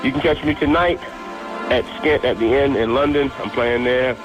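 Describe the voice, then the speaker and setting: A man leaves a voicemail over a landline phone, his voice at a middling pitch for a man. He sounds worn out, yet he keeps up laid-back, slangy shout-outs. Music plays behind him. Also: normal speed, low-quality recording. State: tired, exhausted. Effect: heard over a landline phone as a voicemail message. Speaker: DJ leaving a voicemail.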